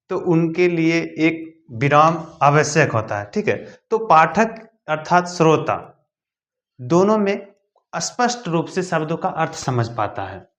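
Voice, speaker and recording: A man's voice: mid-range voice, fairly bright tone. A man teaching a grammar lesson, asking his students questions and answering them himself, stressing key points by repeating them. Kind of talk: explanatory classroom lesson.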